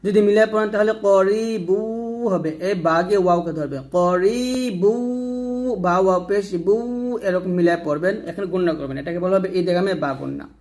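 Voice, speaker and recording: A man teaching Quran recitation, chanting verses slowly and then explaining pronunciation. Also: high voice, darkish tone. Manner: slow drawn-out chanting between quick spoken explanations.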